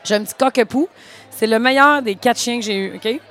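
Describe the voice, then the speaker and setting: A woman with a Quebec French accent, co-hosting a podcast and telling animated stories in casual chat. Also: on the high side, a little fast. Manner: animated storyteller, chatty filler "là". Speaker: podcast co-host.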